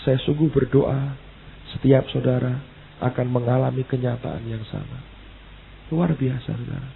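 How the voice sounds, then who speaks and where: Gravelly-voiced man preaching a sermon. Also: medium pitch, fairly even intonation. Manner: emphatic, repeats exclamations, reads English verses slowly. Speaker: pastor. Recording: tinny phone-like sound with faint hiss.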